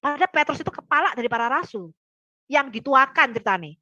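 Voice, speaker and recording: A high-voiced woman teaching the Bible in casual talk, blunt and joking, acting out the disciples' lines in shifting voices. The recording is dry and a little dull. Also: animated, a little fast, pushed and bright, no echo. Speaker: preacher.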